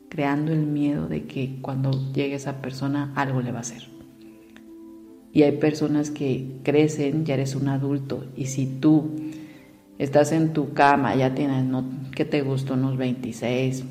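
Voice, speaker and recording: A woman's voice: rumbling low, fairly even intonation, unhurried, warm tone, long reverb tail, faint music behind. A woman gives a reflective motivational talk and asks her listeners direct questions. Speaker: speaker on emotions.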